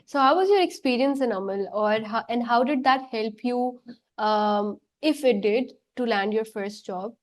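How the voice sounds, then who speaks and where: A Pakistani-accented woman hosting an interview while unwell, with a thin, squeaky voice, switching between English and Urdu. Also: a little slow. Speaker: podcast host.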